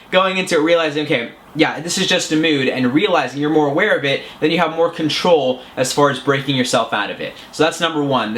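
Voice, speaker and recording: A man's voice: a little high, fairly bright tone. A man hosting a casual advice vlog, talking in an earnest, chatty way with frequent restarts. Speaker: self-help vlogger.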